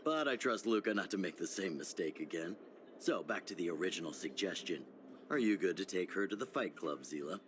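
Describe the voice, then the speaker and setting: A man playing an easygoing, jovial older mentor in a video game, relaxed and teasing. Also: sits low, brisk, slight background noise. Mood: jovial, encouraging. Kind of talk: video game character acting.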